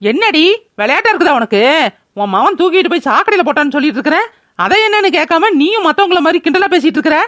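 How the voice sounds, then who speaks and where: A woman voicing a sharp-tongued, quarrelsome older village mother in a cartoon, scolding loudly. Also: very high-pitched, very animated, fast, dry recording, exaggerated voice. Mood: angry. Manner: scolding, loud and bossy. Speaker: voice actor. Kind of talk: cartoon voice acting.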